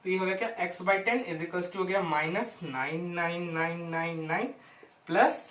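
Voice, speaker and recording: A woman walks through a maths proof in a loose, conversational way and keeps checking that her listeners are following. She slows right down on long runs of digits. Her voice sounds roomy and a little distant from the mic. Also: on the low side, a bit bright. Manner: chatty, keeps checking in with "ठीक है" and "हाँ". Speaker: maths teacher. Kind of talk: informal whiteboard lesson.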